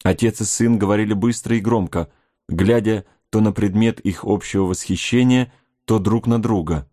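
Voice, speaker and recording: Low-voiced man reading a story. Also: normal speed, warm tone, no room sound, clean studio sound. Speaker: audiobook reader. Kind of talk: storybook narration.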